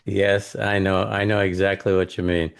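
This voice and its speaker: A man's voice: sits low, flat delivery, moderate pace, vocal fry, clean tone. A man co-hosting a podcast in casual chat, rambling and chuckling as he hands out a steakhouse quiz. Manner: rambling, chuckling, restarts phrases.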